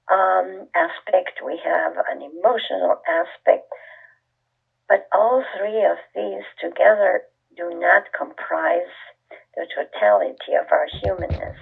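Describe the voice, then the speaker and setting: An older woman from Austria, talking slowly and thoughtfully as an interview guest, softly and breathily at times. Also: on the low side, animated, vocal fry, husky. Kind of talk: conversational interview. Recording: tinny phone line.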